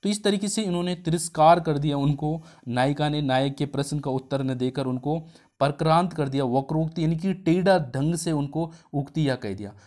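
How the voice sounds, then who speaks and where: A man's voice: on the high side, moderate pace, a little mellow. Chatty male exam tutor. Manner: chatty, explains with homely examples and asides. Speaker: exam prep teacher. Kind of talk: casual spoken lesson.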